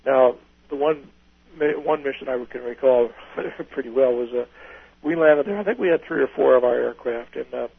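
A man's voice: medium pitch, moderate pace, creaky, husky, no echo, phone-quality sound. An older man, a retired pilot, telling folksy, rambling stories in an oral history interview, restarting his sentences often.

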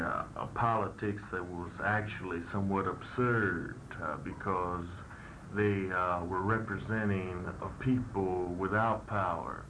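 A young man giving an earnest political statement in an interview on old worn tape. He speaks haltingly, with many fillers. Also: low-pitched. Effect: old worn archival tape. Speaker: political party leader being interviewed. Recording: hissy old tape recording.

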